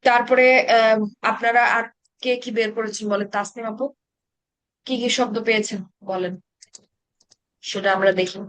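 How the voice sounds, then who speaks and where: A woman's voice: on the high side, fairly even intonation, moderate pace, pauses often, a bit bright, no room sound. A woman teaching an Arabic grammar class in Bengali-accented speech, explaining patiently and asking her students questions. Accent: Bangladeshi Bengali.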